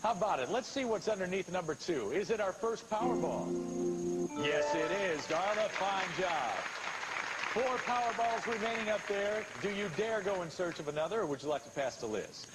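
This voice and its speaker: An American man hosting a televised game show with smooth patter and drawn-out suspense. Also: high-pitched, lively intonation, loud music behind the voice, a loud crowd. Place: television studio with audience. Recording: noisy old TV broadcast tape.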